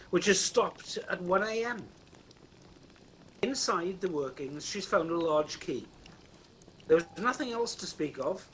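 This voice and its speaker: Recorded at home via video call, with faint noise and rough sound, a man plays the wry narrator telling a Christmas ghost story in an amateur radio drama. His voice sits high and a little bright.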